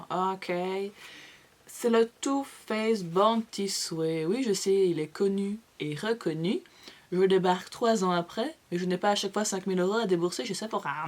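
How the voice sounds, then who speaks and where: A young woman vlogger in a casual haul video, chatty and gushing, with playful asides to her viewers. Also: mid-range voice. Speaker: beauty vlogger.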